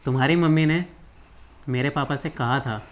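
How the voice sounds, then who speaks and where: A man's voice: medium pitch, normal speed, close to an everyday voice. An actor playing a young husband who bitterly reproaches his wife, in a drama. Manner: bitter, reproachful, pleading questions. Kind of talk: emotional drama acting.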